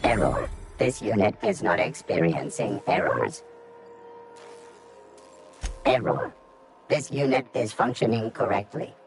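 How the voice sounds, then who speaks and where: A performer voicing a glitching robot unit that repeats error messages in a flat, looping way while claiming it works correctly. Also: medium pitch, slow, pauses often, faint music behind. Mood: malfunctioning. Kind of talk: video game dialogue.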